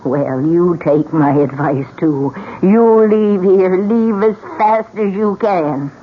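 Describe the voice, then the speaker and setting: An actress playing an old widow in a radio drama, grave, insistent and full of dramatic warnings. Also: female voice, lowish voice. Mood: ominous warning. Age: older. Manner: grave, dramatic, slow pronouncements. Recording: dull, noisy old radio recording.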